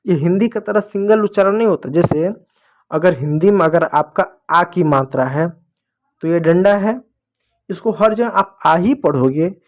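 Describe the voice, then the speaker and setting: A man with a fairly high voice and a Hindi accent teaches a lesson at the board. He goes step by step, repeats every rule, and asks his students questions back. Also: a little slow. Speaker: English teacher. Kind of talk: blackboard lesson for learners.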